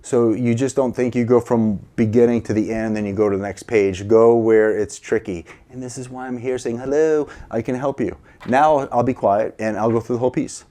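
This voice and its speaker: A man's voice: lowish voice, fairly even intonation, moderate pace, hardly any pauses, dark tone. A middle-aged man teaching a casual piano lesson, encouraging and counting aloud, a little sleepy. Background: piano playing.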